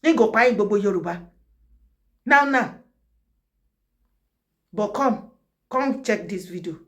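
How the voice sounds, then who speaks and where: A woman's voice: mid-range voice, lively intonation, takes it slowly, a bit bright. A woman from Ekiti with a Nigerian accent, delivering impassioned commentary, scolding and repeating words for emphasis. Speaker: vlogger. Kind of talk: impassioned commentary in Pidgin and Yoruba.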